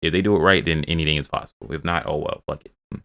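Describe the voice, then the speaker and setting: A man's voice: rumbling low, rapid-fire, creaky, fairly bright tone, clear, resonant tone. A man casually rambling through reaction commentary, swearing often and restarting his sentences. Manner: rambling, profane, restarts a lot. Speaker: video host reacting to game news.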